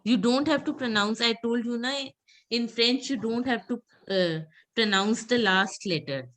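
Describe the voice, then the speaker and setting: A woman's voice: on the high side, a little slow, fairly bright tone, slight background noise. A woman teaching an online French class over a video call, patiently repeating words for her students.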